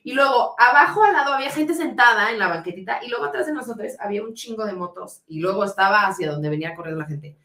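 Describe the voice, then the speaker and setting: A woman with a Mexican accent, co-hosting a podcast and telling a story in an animated, slangy way. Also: medium pitch, quick pace, hardly any pauses, echoey room. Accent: Mexican Spanish. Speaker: podcast co-host. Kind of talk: casual chat.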